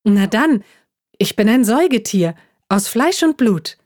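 A woman's voice: fairly high pitch, expressive, normal speed, darkish tone, pitched above the performer's own voice, lightly acted. Brief: woman voicing a proud, cheeky hedgehog boy, slightly raised voice, children's audio story. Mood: proud explaining.

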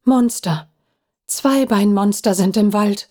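A woman's voice: mid-range voice, big pitch swings, a little slow, darkish tone, voice pushed up. A woman voicing a fussy, exasperated mother squirrel in a children's story. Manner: scolding, exasperated.

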